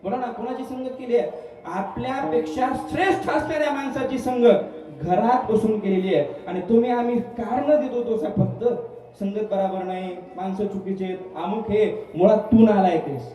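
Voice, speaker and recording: Heard from a distance over an echoey PA with music, this preacher delivers a devotional kirtan sermon in a festival pandal. He repeats phrases call-and-response style and fires questions at the crowd, pressing for answers, his warm voice sitting high at a moderate pace.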